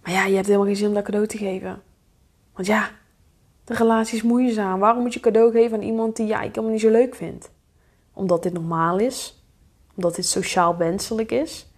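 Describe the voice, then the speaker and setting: A woman hosting a solo podcast, talking straight to the listener in a direct, confronting way and dropping into a low mutter for inner thoughts. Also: fairly even intonation, brisk, a little mellow, husky. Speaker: podcast host and coach.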